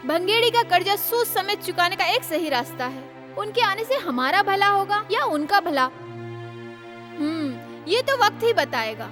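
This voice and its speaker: Wry sarcastic young daughter. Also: female voice, very high voice. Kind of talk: Hindi film dubbing.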